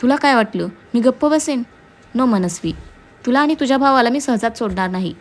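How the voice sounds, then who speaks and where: Woman acting out a heartbroken young man in a storybook, shaky, pleading, voice a bit high. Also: animated, fairly quick. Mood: furious. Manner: pleading, shaken. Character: young man, betrayed and desperate.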